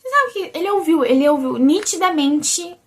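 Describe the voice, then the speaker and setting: A young Brazilian woman with a childlike, squeaky voice, chatting animatedly to her viewers in a casual religious vlog. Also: normal speed. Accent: Brazilian Portuguese. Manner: animated and chatty, often calls the viewers "gente". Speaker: vlogger. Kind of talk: casual religious video chat.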